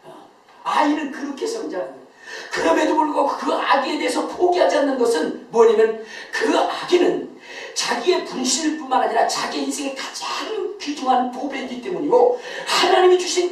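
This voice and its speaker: A man's voice: very high voice, animated, fairly quick. A male pastor gives a Sunday sermon with emphasis. He quizzes his congregation and often laughs as he talks. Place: church sanctuary. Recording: very echoey church, voice from far off.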